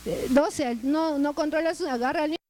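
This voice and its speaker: A woman's voice: sits high, fairly quick, heavy background noise. A middle-aged woman with a Peruvian accent, lecturing a class in a chatty way and often tagging her sentences with questions. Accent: Peruvian Spanish. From Peru. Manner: conversational, frequent "¿no?" tag questions.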